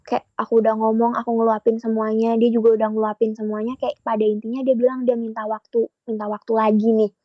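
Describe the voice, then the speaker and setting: A woman's voice: fairly high pitch, little pitch movement, fast talker, few pauses, dry recording, lo-fi sound. A young woman telling a podcast host about her relationship in casual chat, retelling both sides of the conversation. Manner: chatty, retells conversations with quoted dialogue. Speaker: guest sharing a relationship story.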